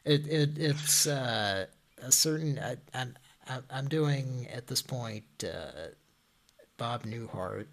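A man's voice: medium pitch, lively intonation. A man co-hosting a comedic prank-call show, stammering and restarting his sentences as he works up to a joke. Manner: halting, stammering, restarts a lot, laughs easily. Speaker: co-host. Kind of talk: casual comedic banter.

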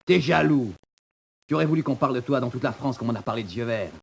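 An actor playing a jealous but loyal young prisoner in a 1940s radio drama, taunting and earnest by turns. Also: male voice, medium pitch, fast talker, gravelly, darkish tone, slightly rough.

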